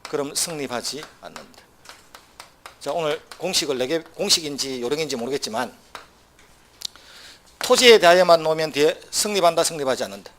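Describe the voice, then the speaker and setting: A man teaching a civil law exam prep lecture, quizzing students with quick either-or questions and dropping wry asides. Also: on the high side, lively intonation, a bit bright, slight background noise. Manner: wry asides with short laughs.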